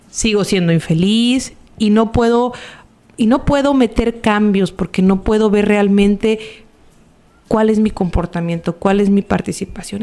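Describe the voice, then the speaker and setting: A woman's voice: a little high, darkish tone. A woman speaking on the radio as an Al-Anon member. She talks in a reflective, confiding way and keeps checking in with her listeners. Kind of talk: personal testimony on a radio talk show.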